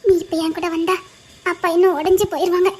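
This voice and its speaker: A woman with a Tirunelveli Tamil accent playing a sad mother who gently coaxes her daughter, speaking soft and low. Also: level tone, a little fast. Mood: sad coaxing. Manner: soft, subdued, coaxing.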